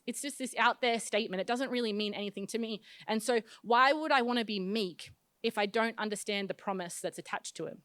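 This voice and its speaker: A woman's voice: mid-range voice, a bit bright, dry recording. A woman pastor giving a sermon in a conversational, self-deprecating way, often restarting her phrases.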